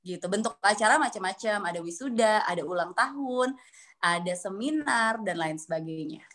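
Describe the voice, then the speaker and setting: A woman's voice: mid-range voice, animated, normal speed, a bit bright. A woman coaching public speaking on a video call, explaining things in a friendly way with frequent casual tag words. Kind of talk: online class, answering questions.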